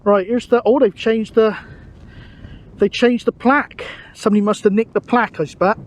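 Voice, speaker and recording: Out on a windy hill, a middle-aged man who vlogs and enjoys CB radio talks in a friendly, matey manner into his camera mic. He has a high voice with fairly even intonation and a normal speed, with slight background noise.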